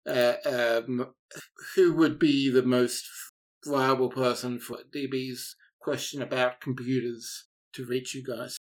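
Male game master for a sci-fi tabletop game; slow, hesitant delivery with many pauses. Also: mid-range voice, little pitch movement. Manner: halting, thinking aloud with fillers.

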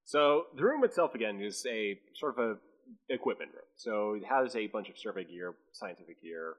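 A man's voice: fairly low pitch, moderate pace, poor audio. A man running a tabletop role-play game as game master, calling rolls and describing scenes. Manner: animated, laughs easily, restarts often.

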